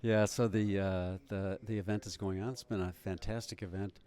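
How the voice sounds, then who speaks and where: Deep voiced guy hosting at a conference, casual, lots of uhs and restarts. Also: fairly even intonation, moderate pace, dark tone. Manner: chatty, many fillers and restarts. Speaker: podcast host. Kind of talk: casual interview chat. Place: busy conference hall.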